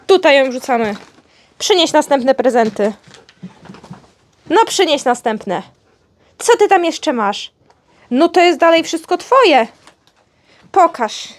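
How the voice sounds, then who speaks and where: Her high-pitched voice rises and falls in a lively way as she talks slowly, often pausing, to her dog. She's a vlogger unwrapping his birthday presents at home, coaxing him along in affectionate pet-talk.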